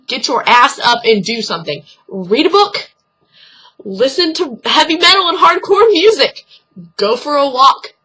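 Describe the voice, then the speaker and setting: A young woman talks straight to camera in a casual advice vlog. Her voice sits a little high and rings bright and forceful. She is blunt and earnest, and the swearing comes out easily. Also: slightly rough, rough recording. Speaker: vlogger.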